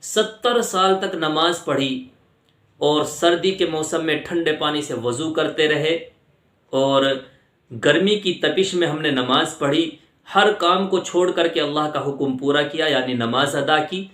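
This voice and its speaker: A man teaching how to pronounce the Arabic words of prayer, patiently repeating each phrase slowly for the listener to copy, with an Indian Urdu accent. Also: on the high side, a bit bright, reverberant. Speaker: Islamic teacher. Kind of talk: religious instruction on prayer pronunciation.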